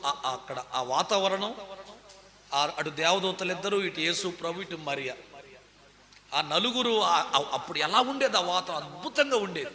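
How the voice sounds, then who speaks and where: A male pastor preaches in a church hall, telling the story dramatically and asking the congregation whether they are listening. His voice sits high and sounds intensely bright. Long reverb trails his words. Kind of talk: sermon. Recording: echoey hall.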